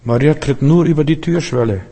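A man from Berlin delivers a Christmas sermon in a church hall, his slightly high, fairly quick voice gravelly, husky and warm. He's fervent and direct, often repeating himself and putting questions to his listeners, with a long hall reverb on the recording.

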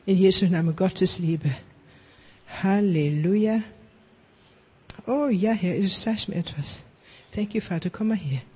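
A male preacher leads charismatic prayer ministry in a high, breathy voice. He repeats his blessings like a chant and drops to a whisper now and then. English phrases slip into his German prayer. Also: a little slow, dark tone. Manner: fervent, repetitive chanting of blessings.

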